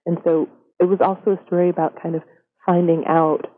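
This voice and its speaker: A young adult woman with an electronically disguised, lowered voice, candidly and conversationally answering interview questions over the telephone. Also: little pitch movement, a little fast. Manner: candid, conversational, frequent "you know". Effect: voice disguised electronically, pitched down. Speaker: interview guest, science career columnist. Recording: band-limited telephone line.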